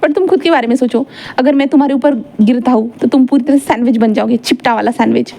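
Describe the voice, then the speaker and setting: Brief: a woman doing a stern young man, firm and commanding, mellow tone. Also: fairly high pitch, quick pace, gravelly. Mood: smug.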